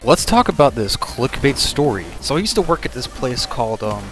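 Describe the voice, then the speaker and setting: A man's voice: mid-range voice, sing-song, a little fast. A man narrating a casual comedic story in a sarcastic manner. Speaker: storytelling gaming video narrator. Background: music.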